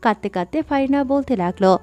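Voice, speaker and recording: A woman narrating a scripted audio story in a steady, dramatic reading style. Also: high-pitched, brisk.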